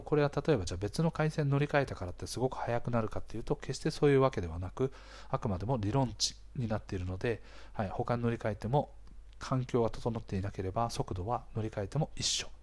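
Male explainer host, mid-pitched, slightly hoarse, conversational delivery aimed straight at the listener. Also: fast talker. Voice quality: hoarse, gravelly-sounding voice. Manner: conversational, explanatory, frequent soft interjections to the listener. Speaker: podcast host. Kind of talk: casual explainer talk to listeners.

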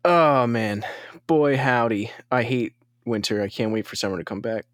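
A man's voice: mid-range voice, moderate pace, no echo, clean studio sound. A man hosting a casual podcast chat, joking around and rambling, and tired from a late night. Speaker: podcast host.

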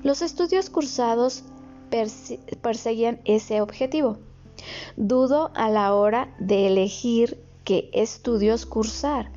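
A woman reading a reflective story aloud in a slow, measured way, with occasional slips and restarts. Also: fairly high pitch, dark tone. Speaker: narrator. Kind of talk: read-aloud reflective narration. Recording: dull lo-fi recording with faint music.

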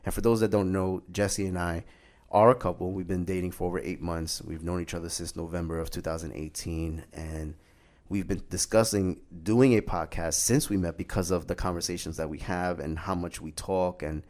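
A man's voice: low voice, fairly even intonation, normal speed, a little mellow. A man co-hosting a casual podcast, chatty and rambling, laughing easily as he talks. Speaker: podcast co-host. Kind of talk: casual chat.

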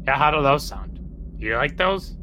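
A man's voice: on the high side, lively intonation, normal speed, bright, forceful tone, dull audio, slight background noise. A man chatting casually as a player in a tabletop role-playing game.

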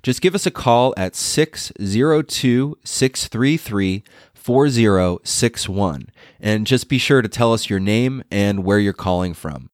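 Low-voiced man, stuffed up with a cold. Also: lively intonation, unhurried, dry recording, clean studio sound. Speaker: podcast host. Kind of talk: scripted podcast segment.

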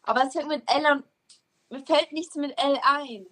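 Young female co-host, stubborn and competitive, thinks aloud, a touch high. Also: fairly bright tone. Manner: drawn-out musing syllables while thinking. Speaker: co-host playing a guessing game. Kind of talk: casual podcast chat.

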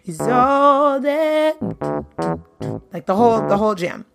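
Over music, a high-pitched young woman speaks slowly with lively intonation. A Brooklyn native who sings and leads a band, she hosts her own podcast and keeps this solo monologue casual, upbeat and chatty, leaning on "you know" again and again.

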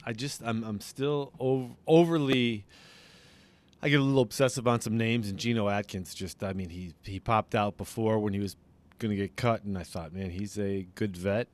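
A man's voice: lowish voice, normal speed. Casual podcast host, man, laughs easily, rambles. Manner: laughing, chatty, tangents. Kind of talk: casual chat.

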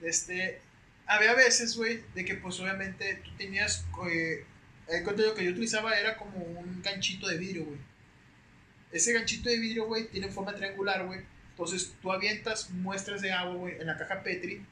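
Young man, Mexican accent, bright tone, slangy animated storytelling, echoey room. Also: sits high, normal speed. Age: young adult. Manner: slangy, animated, peppers speech with güey. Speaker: guest. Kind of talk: casual storytelling chat. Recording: roomy echo with faint hiss.

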